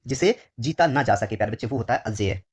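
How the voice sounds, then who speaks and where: Slightly rough and medium-pitched, this Indian Hindi exam teacher walks his pupils through test questions with lively intonation. Phrases get repeated at a slow pace, the students are his dear children, and each answer word comes out with a dip in his voice.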